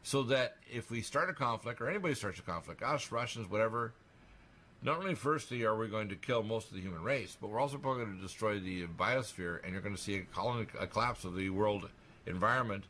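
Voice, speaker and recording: Fast-talking, alarmist man on talk radio. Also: fairly low pitch, sharp tone, slight background noise. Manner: emphatic and alarmist, piling up claims. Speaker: guest commentator on a radio talk show. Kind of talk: rapid, insistent talk-radio monologue.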